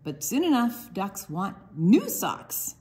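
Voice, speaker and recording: With a mid-range voice, an older woman gives a children's picture book a lilting, deliberate, expressive reading. Short asides directed at the young listeners are sprinkled throughout.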